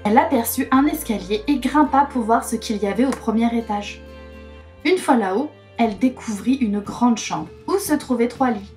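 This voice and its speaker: A woman reading a children's storybook aloud in a gentle, expressive way. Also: fairly high pitch, normal speed, soft background music.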